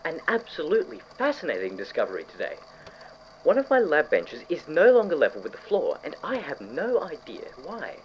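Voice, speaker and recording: A man acting as an eccentric, slightly unhinged scientist dictates an audio-drama lab log, musing aloud and asking himself rhetorical questions with blithe, eager enthusiasm and a puzzled air. He speaks briskly with huge pitch swings, and the dull, lo-fi tape carries clear background noise.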